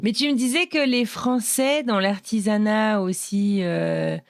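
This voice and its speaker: A woman's voice: medium pitch, measured pace, gravelly, dry recording, clean studio sound. A woman in her thirties interviewing a guest in casual chat, asking questions and laughing along.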